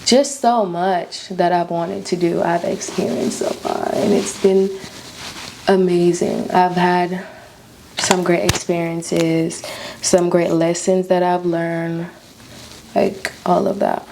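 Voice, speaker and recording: Low-voiced young American woman, casual vlogger. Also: flat delivery, takes it slowly, gravelly, mellow, slight background noise. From Florida, United States. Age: early 20s. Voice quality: slight lisp from retainers. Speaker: YouTuber, beauty vlogger. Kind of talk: casual chatty vlog while doing makeup.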